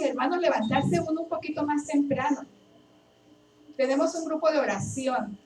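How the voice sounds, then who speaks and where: A woman preaching a sermon, telling her own story and asking emphatic questions with much repetition. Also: sits high. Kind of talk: sermon with personal testimony. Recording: echoey and distant, faint background noise.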